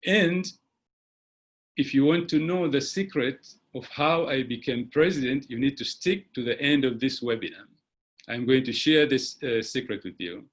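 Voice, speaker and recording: A man with a mid-range voice hosts an online webinar, giving motivational advice with frequent "uh" pauses. It's recorded on a computer mic.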